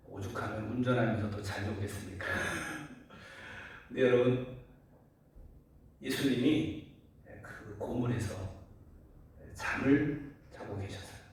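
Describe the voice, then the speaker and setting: A man's voice: fairly low pitch, slight background noise. A pastor preaching a Sunday sermon, speaking earnestly to his congregation and posing rhetorical questions. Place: church sanctuary. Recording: very echoey hall, voice from far off.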